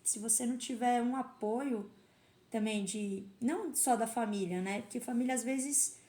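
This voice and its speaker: A woman's voice: fairly high pitch, normal speed, dark tone. Woman guest, reflective, roomy sound. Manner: reflective, storytelling with quoted self-talk. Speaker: podcast guest, karate teacher. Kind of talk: casual interview conversation. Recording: roomy echo.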